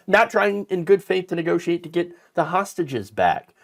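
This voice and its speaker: A man hosting casual political commentary, sarcastic and animated, mocking politicians with put-on quotes. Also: sits high, unhurried, vocal fry.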